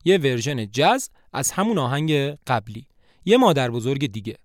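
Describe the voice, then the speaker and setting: A man narrating the story of a play for a podcast in a lively, animated way. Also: medium pitch, no echo, studio quality.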